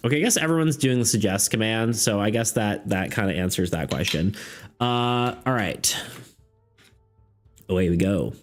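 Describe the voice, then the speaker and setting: A man's voice: fairly low pitch, lively intonation, moderate pace. A man running a tabletop game on a live stream, rambling casually, laughing often and asking his chat for ideas. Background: faint background music.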